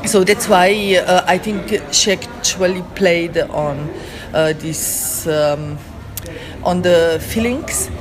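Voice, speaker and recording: Female interview guest, Slovenian accent, slightly low voice, halting delivery, audible crowd behind. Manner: halting, searching for words. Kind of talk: spoken interview.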